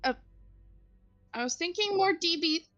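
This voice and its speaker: A woman player talks through her character in a casual tabletop session, with a high voice and a slow, unhurried pace. She sounds dry and firm in her opinions. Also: lively intonation, fairly bright tone, highs cut off, faint music behind. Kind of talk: casual tabletop game chat.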